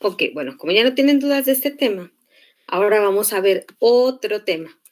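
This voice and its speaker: A woman's voice: medium pitch, lively intonation. A woman teacher giving a lecture, explaining step by step and checking in with her students. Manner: slow, patient explaining with check-in questions. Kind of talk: online class lecture on electric circuits.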